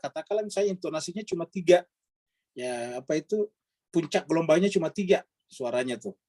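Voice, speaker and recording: A man's voice: mid-range voice, a little mellow, no room sound. A man teaching a Quran study session, explaining patiently with repeated examples and rhetorical questions. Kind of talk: religious study lecture with Q&A.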